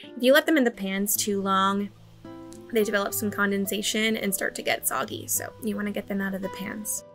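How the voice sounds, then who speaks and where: This cooking tutorial comes from a woman in her thirties with a homesteading channel, guiding viewers through bread recipes step by step in a warm, instructional manner from her home kitchen. She speaks fairly quickly at a medium pitch with fairly even intonation, and music runs in the background.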